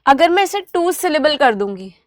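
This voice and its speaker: A woman with an Indian accent teaching a grammar lesson, slow and careful in English and rapid in Hindi, spelling out letters and repeating example words. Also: high voice, very animated, no room sound, studio quality.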